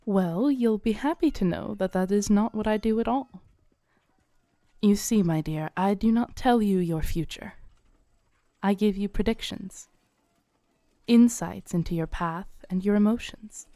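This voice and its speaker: A young woman plays a fortune teller at a fair in a scripted roleplay, her smooth voice soft, coaxing and gently teasing, close to the mic. She speaks at medium pitch, a little slowly, with no room sound.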